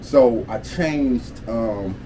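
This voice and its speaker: A man's voice: medium pitch, drawn-out words. A man in his forties from Cleveland telling his life story in a casual storytime monologue, with street slang, cursing and constant "you feel me" check-ins. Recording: steady air-conditioner hum behind the voice. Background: air conditioning hum.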